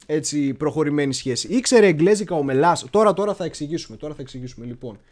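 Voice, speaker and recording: A man's voice: a little high, expressive. A man hosting a casual history livestream, chatty and digressive, often stopping to search for words. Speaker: history channel host.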